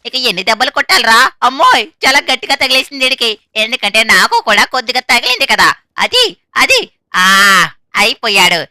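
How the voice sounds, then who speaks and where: A woman's voice: on the high side, sing-song, normal speed, pushed and bright, no echo, studio quality, exaggerated voice. A woman voicing a gloating ice cream killer. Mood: taunting. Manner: gloating, taunting, cackling threats. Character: menacing male ice cream man killer hunting hiders. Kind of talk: game video voice-over.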